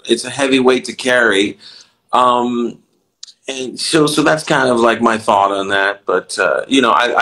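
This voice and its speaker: A man's voice: medium pitch, fairly bright tone, poor audio. Reflective middle-aged man, interview guest. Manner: reflective, many restarts and "you know". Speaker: music producer and songwriter, guest. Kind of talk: casual interview conversation.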